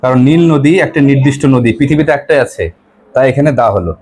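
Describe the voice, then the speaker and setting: There's slight background noise as a West Bengal teacher with a medium-pitched, slightly mellow voice runs a grammar class. He repeatedly quizzes his pupils, repeats what they answer, and takes the English example sentences slowly and carefully.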